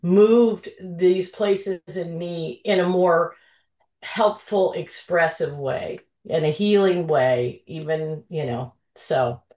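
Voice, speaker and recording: Slow, halting woman in an echoey room. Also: on the low side, mellow. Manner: halting, many fillers, emotional. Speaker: participant. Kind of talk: sharing a story on a video call. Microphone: video call.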